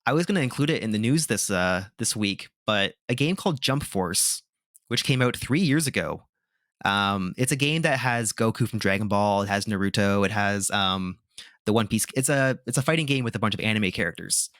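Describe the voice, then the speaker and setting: A gaming podcast host talks in a fairly bright voice on the low side, at a moderate pace. He chats casually and offers opinions with lots of filler words, recorded dry in a clean studio.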